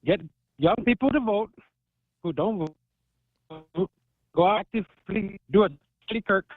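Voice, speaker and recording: A man's voice: high voice, unhurried. A man calling in to a radio show over a garbled digital phone line that makes him sound half robotic, earnestly pushing his point in casual chat. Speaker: radio call-in caller.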